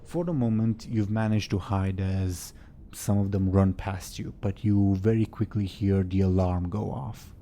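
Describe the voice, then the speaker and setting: A man narrating as game master of a tabletop game, in a relaxed, hesitant way with fillers. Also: sits low, a little slow, slight background noise.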